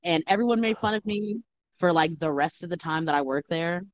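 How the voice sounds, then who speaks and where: A young woman, a bartender, telling stories in a casual, animated chat full of fillers. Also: lowish voice, fairly quick. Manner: animated storytelling with many fillers. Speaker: guest bartender.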